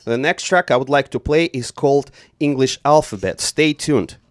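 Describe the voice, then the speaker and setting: A man hosts a live radio show at a middle pitch. He speaks formally and pauses on many fillers. The recording is dry and close, from a small studio. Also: no room sound. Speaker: radio host.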